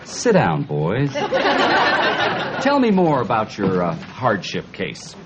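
A bemused, patient middle-aged office supervisor in a TV sitcom. His dry, questioning delivery swings very widely in pitch. The sound is muffled, with a loud studio audience behind him. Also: wildly swooping pitch, slow pace, over a noisy crowd, heavy background noise. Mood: amused, dry. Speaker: actor playing a welfare office supervisor. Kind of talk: television sitcom acting.

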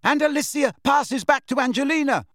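A man voicing an excitable, cheeky young male sports commentator calling a match. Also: sits high, dry recording, studio quality, pitched above the performer's own voice, full character voice. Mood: excited. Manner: fast, cheeky play-by-play.

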